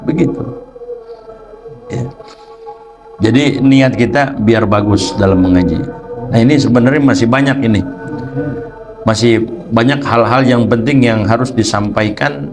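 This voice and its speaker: A man's voice: medium pitch, unhurried, pauses often, over music. A man teaching a religious text lesson, explaining playfully with rhetorical questions. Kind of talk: kitab study lesson.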